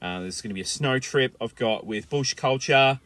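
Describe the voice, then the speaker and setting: A man's voice: mid-range voice, moderate pace, fairly bright tone. A man with an Australian accent hosting a casual chat, loose and jokey, swearing constantly. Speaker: host.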